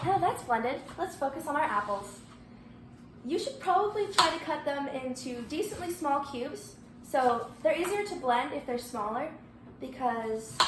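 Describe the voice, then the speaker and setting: High voiced woman doing a casual baking how-to, kinda halting short instructions, roomy echo and noisy recording. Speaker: home baking presenter. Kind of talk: casual step-by-step cooking tutorial.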